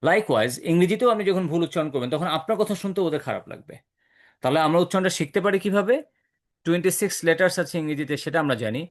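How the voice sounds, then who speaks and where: Bangladeshi male English teacher, young adult, slightly high voice, patient drill style. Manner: mixes English into Bengali, drills sounds with repetition. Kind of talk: spoken English class.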